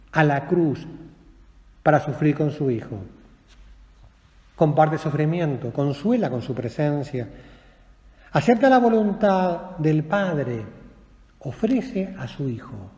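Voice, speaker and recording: A man, a priest, giving a slow, solemn meditative sermon with long pauses and endings that fall soft. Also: a little high. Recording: echoey, long reverb of a large room.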